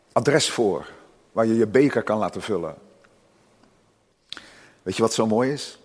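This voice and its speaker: A man preaching a sermon in a church, impassioned, rising loud and high on his points. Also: breathy edge. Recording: long reverb of a church hall.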